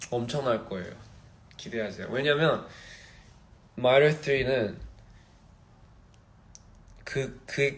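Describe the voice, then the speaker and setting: A young man from Australia chatting casually on a phone livestream, soft-spoken and reflective, drifting between thoughts. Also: medium pitch. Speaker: musician livestream host.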